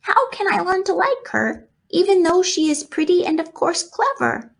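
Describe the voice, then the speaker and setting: A woman reading a storybook as a young male pig, earnest and worried, musing fretfully with drawn-out emphasis. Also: very high voice, sing-song, vocal fry, pitched above the performer's own voice, full character voice. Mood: worried, doubtful.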